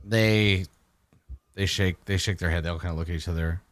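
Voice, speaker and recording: Man, game master, low pitch, close dry recording, halting improvised storytelling. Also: fairly even intonation, a bit bright, no room sound. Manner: halting, repeats phrases as he improvises. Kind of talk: improvised tabletop game narration.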